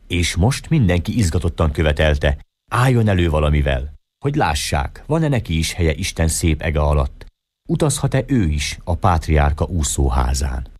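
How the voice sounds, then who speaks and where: A man calmly reading a short story aloud as an audiobook narrator. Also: rumbling low, slightly rough. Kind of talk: scripted narration.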